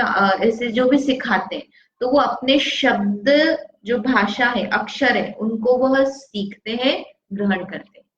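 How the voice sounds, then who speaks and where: A woman with a fairly high voice teaches a scripture lesson. She keeps putting questions to her listeners and then answers them herself. The sound is roomy and dull, like an old lo-fi recording. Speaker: religious teacher. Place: studio.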